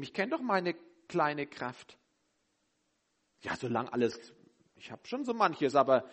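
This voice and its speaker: A man preaching a sermon, emphatic and direct, swinging between loud urgency and quiet intensity. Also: a little high.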